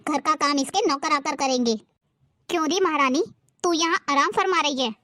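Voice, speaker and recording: A woman's voice: sits high, normal speed, bright, forceful tone, dry recording, clean studio sound. A woman playing a spoiled young sister-in-law who demands breakfast and mocks in a bossy tone. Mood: mocking. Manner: demanding, mocking. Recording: music clearly behind the voice.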